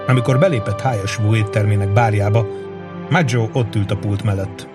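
A man narrating a novel as an audiobook, in a steady storytelling manner. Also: lowish voice, loud music behind the voice. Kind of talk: scripted narration.

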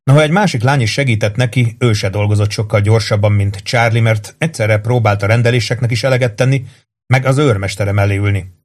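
A man narrating a novel in a steady, even storytelling voice. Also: lowish voice. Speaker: audiobook narrator.

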